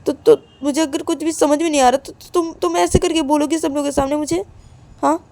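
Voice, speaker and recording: Brief: woman putting on a touchy young wife, high pitched, quick to accuse. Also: steady tone, warm tone. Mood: accusing. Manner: accusing, stammers and repeats herself. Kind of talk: storytelling with acted dialogue.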